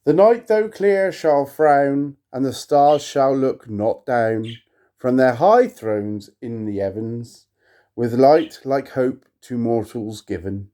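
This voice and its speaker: A mid-range, dark-toned male voice gives a theatrical poetry reading as creator and host of the video. The lines unfold with slow drama, and his banter is wry, playful, and self-mocking.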